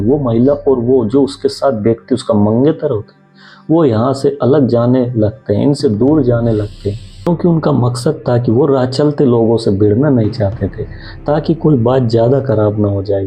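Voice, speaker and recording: A man's voice: medium pitch, dark tone, rough recording. A man telling a true crime story in a casual, spoken way, often repeating and rephrasing himself as he goes.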